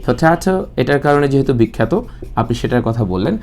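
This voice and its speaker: A young man with a Bangladeshi accent teaching an English class, explaining steadily and slowing right down for model sentences. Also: medium pitch, expressive, vocal fry, darkish tone. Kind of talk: online English class, mixing Bengali and English.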